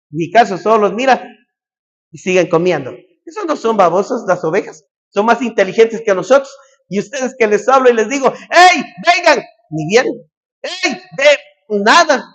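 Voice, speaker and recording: A man preaching a sermon as pastor, emphatic and repetitive, sometimes calling out loudly. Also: high-pitched, muffled recording. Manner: emphatic preaching, repeats phrases, shouts calls.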